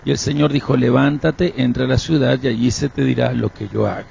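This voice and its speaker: A man leading a live-streamed Bible class, explaining texts and checking understanding with quick rhetorical questions. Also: mid-range voice, fairly even intonation, darkish tone, slight background noise. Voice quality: gravelly, husky. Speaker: Bible teacher. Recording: dull lo-fi stream audio.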